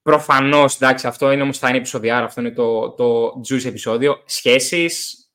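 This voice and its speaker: A young man hosting a casual podcast, talking in an animated way, swearing and acting out stories about drinking. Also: medium pitch. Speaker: podcast host.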